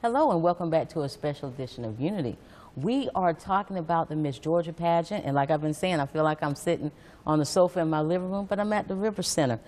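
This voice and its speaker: A woman hosts a chatty interview. Her voice sits on the low side and rings in a reverberant hall. She talks informally and reacts in short exclamations. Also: lively intonation, quick pace, a little mellow. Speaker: talk show host.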